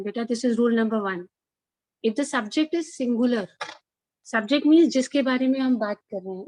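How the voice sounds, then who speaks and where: A woman's voice: a little high, a little mellow, dry recording, poor audio. A woman with an Indian accent, a school teacher instructing an online class, repeating herself and checking in with questions.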